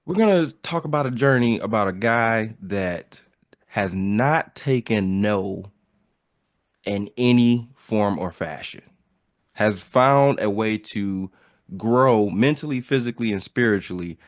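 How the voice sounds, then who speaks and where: A man's voice: lowish voice, animated, measured pace, no echo, studio quality. A man hosting a podcast in casual chat, opening with upbeat intros and repeated phrases. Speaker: podcast host.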